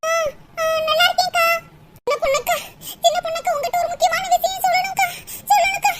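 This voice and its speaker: A flustered cartoon girl on the phone, squeaky high, lots of noise. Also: steady tone. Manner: flustered, hurried. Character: anxious young woman calling for help. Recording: loud constant noise with clicks.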